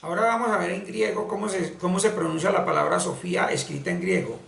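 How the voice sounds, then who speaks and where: A man teaching spiritual ideas in an explanatory lesson, talking slowly and deliberately and repeating words for emphasis. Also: high voice, expressive, creaky, a bit bright. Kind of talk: explanatory screen-share lesson. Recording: echoey room, distant mic, faint hiss.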